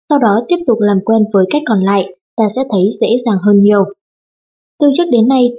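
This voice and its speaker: Husky woman reading an audiobook. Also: fairly high pitch. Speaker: audiobook narrator. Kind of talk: scripted audiobook narration. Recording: dull lo-fi audiobook recording.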